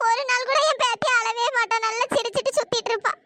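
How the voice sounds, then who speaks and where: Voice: very high-pitched, fairly even intonation, fast, noisy background. A performer voicing an old grandmother in a cartoon story who comforts her granddaughter tenderly and scolds her own daughter furiously. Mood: tender coaxing. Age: older. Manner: scolding, shouting. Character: fierce loving old grandmother, sharp-tongued.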